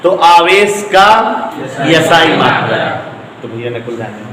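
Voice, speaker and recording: A man's voice: mid-range voice, animated, slow pace, crowd noise. A male physics teacher giving a classroom lecture to students, repeating key points with emphasis and joking asides. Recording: echoey room with long reverb, faint noise.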